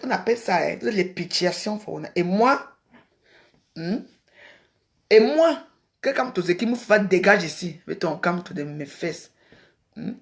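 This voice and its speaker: Woman from cameroon, heated livestream rant, mocking, scolding, repetitive. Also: medium pitch. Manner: scolding, mocking, repeats herself.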